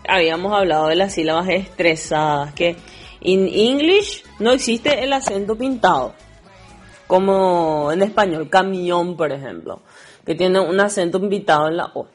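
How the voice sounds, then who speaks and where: A woman's voice: mid-range voice, expressive, a little slow, soft background music. A woman teaching English and walking students through worksheet exercises with patient, step-by-step explanations that mix Spanish and English. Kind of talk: recorded classroom lesson explaining worksheet exercises.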